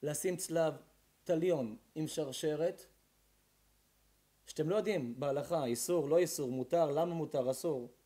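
A man, a rabbi, giving a sermon to a live audience, swinging from quiet talk to emphatic shouting. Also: on the high side.

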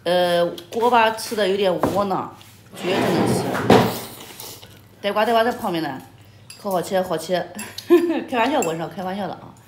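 A woman chats casually to her livestream audience between bites, teasing and laughing easily. Her voice sits in a middle pitch, and it rings in an echoey room with faint background noise and the clink of cutlery and dishes. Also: lively intonation, normal speed. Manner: chatty and teasing, often laughing. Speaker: livestream host. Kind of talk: casual chat while eating on a livestream.

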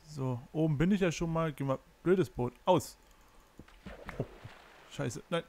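Slow-talking, high-voiced gaming commentator man. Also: darkish tone. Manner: casual, mutters and swears while stumbling over signs. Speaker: Let's Play host. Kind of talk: gameplay commentary.

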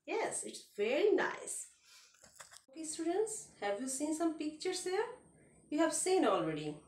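A woman teaching an online kindergarten class, speaking slowly in a sing-song teacher voice and mimicking animal sounds. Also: high-pitched, big pitch swings, a little mellow, echoey room, recorded from a distance. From Bangladesh. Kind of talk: online class lesson for young children.

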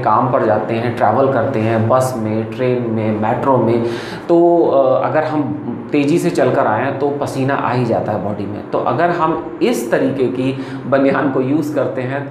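A man's voice: medium pitch, darkish tone. A man in his thirties, a psychologist, explaining clothing advice casually to camera from a small clinic room. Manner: explanatory, gestures a lot with his hands. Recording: echoey room with faint ambient noise.

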